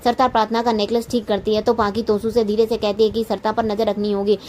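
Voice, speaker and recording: A woman's voice: mid-range voice, level tone, fast, darkish tone, a little hiss or hum. A woman narrating a TV serial recap, often stumbling and correcting herself mid-sentence. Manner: frequent restarts and self-corrections.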